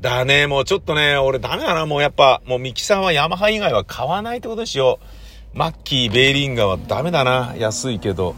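Talking fast in a medium-pitched voice that sounds pushed and bright, an animated middle-aged man rambles casually on his own. He's an audio drama producer and recordist, blunt and slangy, making fun of himself and dramatizing his reactions mid-story.

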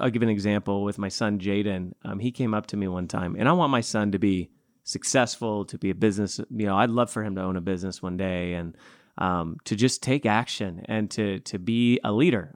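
An easygoing man hosts a casual faith conversation, affirming his guest and telling relaxed stories about his son. His voice sits fairly low and sounds dry and close. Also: no echo.

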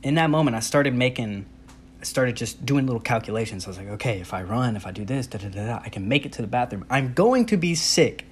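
With slight background noise behind him, a young man at medium pitch and a quick pace tells a funny personal story, playing out his own reactions in a casual, animated, self-deprecating style.

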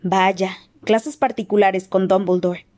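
Una mujer que lee un audiolibro y da voz a un muchacho mago franco y entusiasta. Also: female voice, medium pitch, steady tone, slow pace, a little mellow, close to an everyday voice. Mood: eager. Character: teenage wizard boy, blunt and amused. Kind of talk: audiobook character voice.

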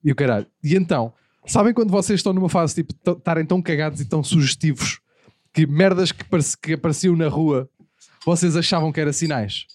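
A young Portuguese man rattles off a rambling story at speed. His voice sits a little high for a man and is recorded dry and close. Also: dry recording. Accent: European Portuguese. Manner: rambling storyteller, quick and animated. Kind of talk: casual chat among friends.

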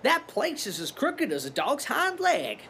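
A man voicing a folksy, fatherly old male barkeep with a slow drawl and homespun sayings. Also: extremely high pitch, huge pitch swings, vocal fry, bright, forceful tone, a little hiss or hum, exaggerated voice. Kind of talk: audio drama acting.

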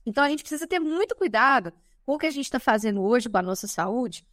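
Here a Brazilian guest in her thirties talks fast on a podcast, her voice on the high side. She's lively and conversational, regularly closing lines with a questioning "né?", and the sound is dry and studio-clean.

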